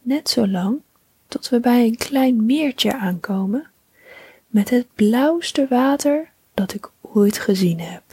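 A woman narrates a children's bedtime story almost entirely in a breathy whisper. She speaks very slowly and soothingly, her voice close and dry with no room sound around it. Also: on the high side, dry recording. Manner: slow, soothing, calm.

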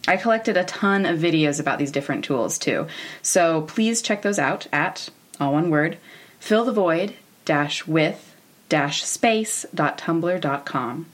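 A woman's voice: sits low, lively intonation, unhurried. An American woman in her thirties, from Oregon, narrating an educational show in an informal, wry, candid way. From Oregon, United States. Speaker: podcast host. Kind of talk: semi-scripted educational narration about space history.

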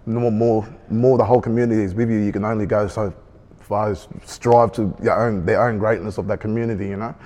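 A young Australian man in his twenties, speaking on a youth panel in a halting way, often repeating himself. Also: on the low side, fairly even intonation, warm tone, long reverb tail. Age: 20s. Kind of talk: casual discussion.

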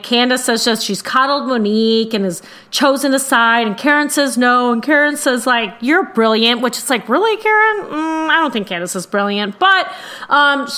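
A woman co-hosting a podcast, gossiping quickly about a reality show and mimicking the cast's lines. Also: fairly high pitch, pushed and bright. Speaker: podcast co-host. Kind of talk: casual recap chat.

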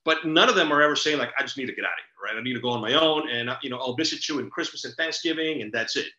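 A man's voice: medium pitch, rapid-fire, pushed and bright. A middle-aged man from El Salvador, hosting a podcast and telling stories in an earnest, expansive, conversational way. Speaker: podcast host. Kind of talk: casual conversation. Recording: roomy, dull lo-fi recording.

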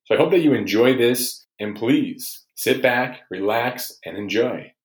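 A man's voice: medium pitch, lively intonation, measured pace. A man hosting a podcast, opening the episode in a chatty, informal way. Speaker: podcast host. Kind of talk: casual podcast intro. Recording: roomy echoey recording.

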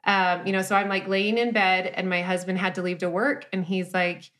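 A woman's voice: on the low side, level tone, moderate pace, fairly bright tone. A woman in her thirties, a guest speaking candidly and rambling a little, with many restarts and "like" as she talks. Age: 30s. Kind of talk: casual conversational interview.

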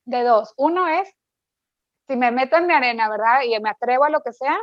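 A woman's voice: sits high, brisk, no echo, highs cut off. A woman with a Mexican Spanish accent, reflecting and telling a family story in casual conversation.

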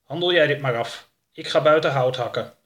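A man's voice: medium pitch, fairly quick, a bit bright, lightly acted. A man doing a curt, commanding official. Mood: bossy. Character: gruff bossy middle-aged male official. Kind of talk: audiobook character voice.

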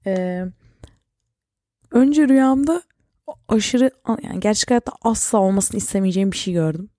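A young woman hosting a casual solo podcast, rambling and self-mocking with quick jokey asides. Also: medium pitch, warm tone, dry recording, studio quality. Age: young adult. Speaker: podcast host and YouTuber.

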